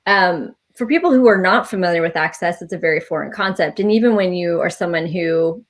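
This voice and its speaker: A woman's voice: fairly low pitch, brisk. A woman facilitating a class, talking casually and reflectively on a live stream over a video call, laughing now and then.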